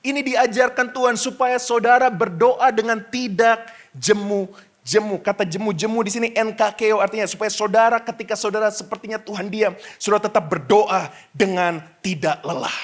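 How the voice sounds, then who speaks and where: A middle-aged man preaching a lively sermon, often turning to address the congregation directly. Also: sits high. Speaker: pastor. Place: church stage before a congregation.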